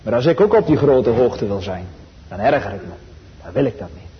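A man preaching a sermon to his congregation, earnest and emphatic, slowing for quotations and rising in fervor. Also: on the low side, sing-song. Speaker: pastor. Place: church. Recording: dull sound with long church reverb.

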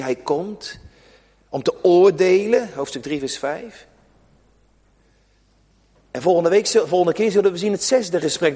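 A man preaches from the pulpit, his voice sitting high for a man and ringing with long reverb through the church hall. He moves from loud, emphatic calls to quiet, confiding asides, drawing out key words for weight. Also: breathy edge. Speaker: pastor. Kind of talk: sermon.

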